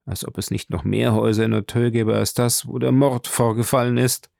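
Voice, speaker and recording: A man's voice: medium pitch, little pitch movement, a little fast, vocal fry, darkish tone, dry recording, clean studio sound. A man voicing a terrified, superstitious male steward who stammers and pleads. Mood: frightened.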